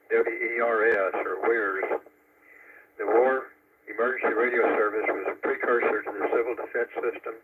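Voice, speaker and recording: A man running an amateur radio net over a two-way radio, relaying announcements and a history talk in a halting way, with many pauses and fillers. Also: on the low side. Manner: halting delivery with frequent "uh" fillers. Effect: heard over a two-way radio with static. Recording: tinny, distant radio transmission with static.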